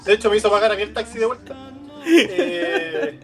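A man's voice: high-pitched, normal speed. A man tells a story in crude, slangy talk. Faint music plays in the background. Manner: crude, slangy anecdote telling. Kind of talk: casual comic storytelling.

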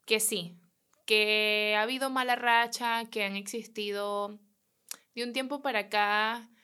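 A Venezuelan woman with a Venezuelan accent, a guest in a casual interview, telling an animated story and acting out the dialogue. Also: on the high side, measured pace, clear, resonant tone.

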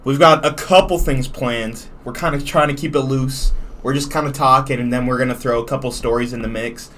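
A man's voice: mid-range voice, steady tone, a little fast, fairly bright tone. A young American man co-hosting a casual podcast, talking like a frat bro with slang and heavy swearing. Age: young adult. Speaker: podcast co-host. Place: small podcast room. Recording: noisy room with background ambience.

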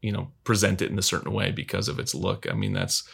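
A man's voice: sits low, big pitch swings, quick pace, creaky, a bit bright, breathy edge. A man talking casually on a podcast, thoughtful and rambling with many fillers and restarts.

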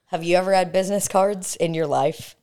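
A woman's voice: on the low side, fairly quick, warm tone. A young woman co-hosting a podcast in casual, crude, joking chat from a hotel room, swearing freely. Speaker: podcast co-host.

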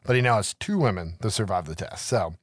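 A man's voice: lowish voice, lively intonation, a little fast, dry recording, clean studio sound. A man hosting a podcast, casually retelling a film's plot with swearing and frequent "right?" asides. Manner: laid-back, swears, keeps adding "right?". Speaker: podcast host. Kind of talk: casual movie recap chat.

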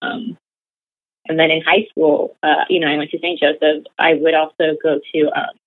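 The speaker is a young woman with a deep voice and little pitch movement, talking at a moderate pace. The recording is dry and sounds tinny, like a phone line, as she rambles through casual stories as an interview guest, full of "like" and "you know."

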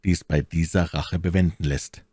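A man's voice: low voice, steady tone, moderate pace, warm tone, slightly rough, no room sound, clean studio sound. A man voicing a young, self-assured musketeer who talks persuasively. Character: young scheming male musketeer, smooth-talking.

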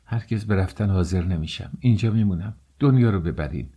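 A man's voice: deep voice, warm tone, slightly rough. A man voicing an anxious, tearful middle-aged mother in an audiobook, pleading and wailing. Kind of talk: audiobook character voice.

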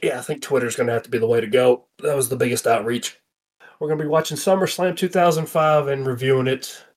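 A man's voice: mid-range voice, fairly even intonation, fast talker. A man hosting a casual wrestling podcast, laughing often and steering the chat back on track. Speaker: podcast host.

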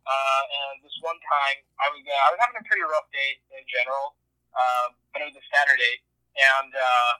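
A man's voice: mid-range voice, fairly even intonation, moderate pace, pushed and bright, smooth, no echo, poor audio. Young man calling in on speakerphone. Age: young adult. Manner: rambling, lots of fillers. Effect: heard over a phone on speaker. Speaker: caller. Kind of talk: casual call-in chat.

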